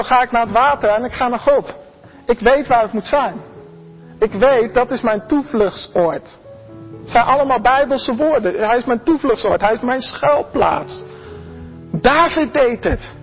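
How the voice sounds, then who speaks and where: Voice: mid-range voice, in a large hall. A preacher giving an earnest sermon, speaking straight to the congregation and often repeating or restarting words. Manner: earnest, addresses the congregation directly, acts out quoted voices. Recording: slightly dull recording with faint music behind.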